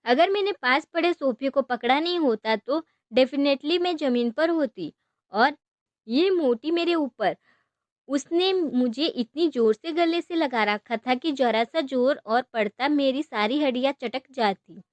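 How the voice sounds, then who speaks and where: A woman narrating a first-person love story in an expressive, conversational way. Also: sits high, a little slow, dry recording.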